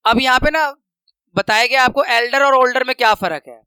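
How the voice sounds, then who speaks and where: A man teaching a grammar lesson, patiently explaining slides and slowly repeating example words. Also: very high-pitched, pushed and bright, clear, resonant tone, no room sound, poor audio.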